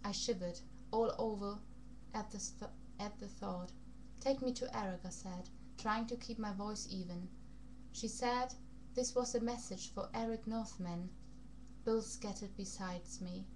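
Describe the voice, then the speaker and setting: A woman's voice: medium pitch, steady tone, unhurried, darkish tone. A woman reading a novel aloud in a put-on, funny foreign accent, stumbling over words now and then and rereading phrases. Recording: noisy recording with background hum.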